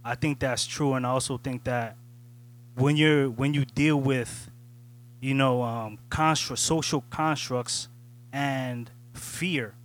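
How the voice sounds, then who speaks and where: A man's voice: mid-range voice, fairly even intonation, takes it slowly. A man co-hosting a casual podcast chat, talking in a reflective way and often asking "you know what I'm saying". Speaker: podcast co-host.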